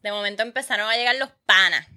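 A woman tells an animated, profane story in casual chat and acts out the quotes. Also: mid-range voice, quick pace.

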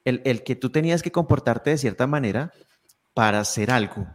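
A man's voice: mid-range voice, animated, fairly quick. A man speaking as a guest in a podcast conversation, explaining ideas reflectively with frequent restarts.

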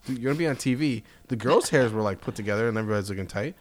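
A man's voice: medium pitch, racing. A man co-hosting a casual reaction chat, talking loosely, swearing and using lots of fillers. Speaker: podcast co-host.

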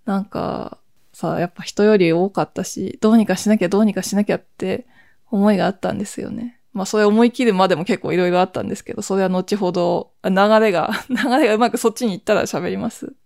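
Gravelly-voiced woman in rambling solo chat. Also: mid-range voice, a little mellow, no room sound, studio quality. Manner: rambling and chatty, often laughing at herself; deliberately keeping her voice down. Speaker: podcast host. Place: home at night.

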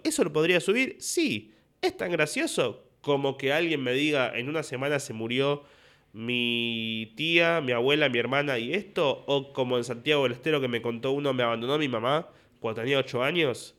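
A man's voice: mid-range voice, animated, moderate pace, a bit bright. A young man with an Argentine accent, a stand-up comedian hosting his podcast and telling stories from his shows with acted-out dialogue. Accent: Rioplatense Spanish. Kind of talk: casual podcast monologue.

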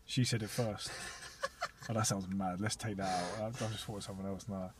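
A young man, a podcast co-host and new father, tells stories in lively, swearing casual chat full of laughter. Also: fairly low pitch, brisk, far from the mic, very noisy. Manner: animated storyteller, swears, laughs.

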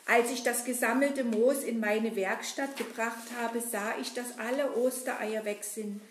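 A woman voicing a gentle, anxious Easter bunny in a children's puppet show, soft and plaintive. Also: on the high side, steady tone, measured pace, a little hiss or hum, lightly acted. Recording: roomy echo.

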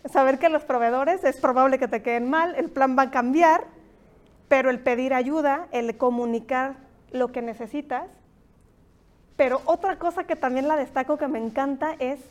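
A podcast host with a Mexican accent and a high voice speaks at a moderate pace in a conversational interview. She thinks aloud reflectively and often ends her points with a questioning tag.

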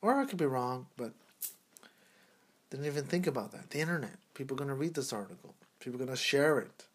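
A man's voice: mid-range voice, expressive, fast, breathy edge. A man in his thirties co-hosting a casual talk show, speaking in an earnest, preachy, emphatic way. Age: 30s. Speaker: podcast co-host.

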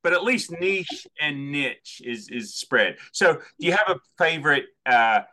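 A man's voice: fairly high pitch, expressive, moderate pace, bright, forceful tone. A man hosting an interview, chatty and joking, asking playful questions. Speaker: podcast host. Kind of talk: casual interview conversation.

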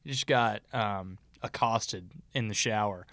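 A man's voice: on the low side, a little slow, fairly bright tone, no room sound. Chatty man, dry close sound. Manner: loose and chatty, swears, trails off and restarts. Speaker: podcast co-host. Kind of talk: casual chat.

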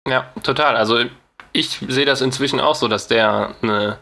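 A man's voice: mid-range voice, normal speed, gravelly, sharp tone. Easygoing man in casual football chat. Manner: easygoing, agreeable, short replies. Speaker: podcast co-host.

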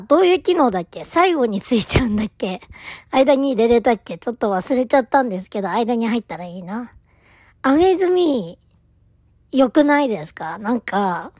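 A woman's voice: on the high side, a little mellow, dry recording, studio quality. A woman talking casually to camera as a fan, gushing and rambling about her favorite idol, sometimes dropping almost to a whisper. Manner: gushing, rambling, drops to near-whisper at times. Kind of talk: casual solo talk to camera.

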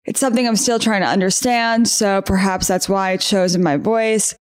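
A woman's voice: medium pitch, fairly even intonation, moderate pace, clean tone. A woman in her twenties hosting a podcast, speaking candidly in a strained voice, choked up with grief. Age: 20s. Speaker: podcast host. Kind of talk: personal podcast introduction.

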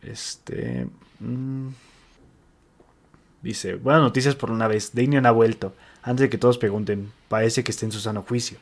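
A man's voice: medium pitch, a little slow, vocal fry. Mexican man reading aloud casually. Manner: relaxed, slangy, reads with restarts. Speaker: co-host reading posts aloud.

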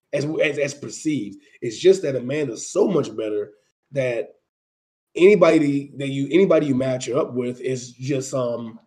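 A man hosting a casual sports panel discussion, speaking haltingly with repeated and restarted phrases. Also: mid-range voice, mellow. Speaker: panel host.

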